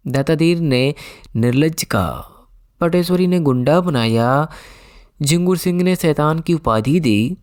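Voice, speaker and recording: A man narrating an audiobook in a steady storytelling manner. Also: on the high side, measured pace. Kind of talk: scripted narration.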